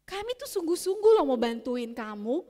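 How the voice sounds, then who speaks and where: Woman voicing fed-up villagers scolding a liar kid, high voice, echoey hall. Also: sing-song, moderate pace, warm tone. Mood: annoyed. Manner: grumbling, scolding. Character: annoyed adult village folk. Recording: long reverb in a big room.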